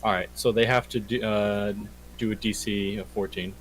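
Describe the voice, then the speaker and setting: A man playing a tabletop game in casual chat, chatty and quick to laugh. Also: fairly low pitch, steady tone, slight background noise, rough recording. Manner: laughs often, loose and chatty. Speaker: player.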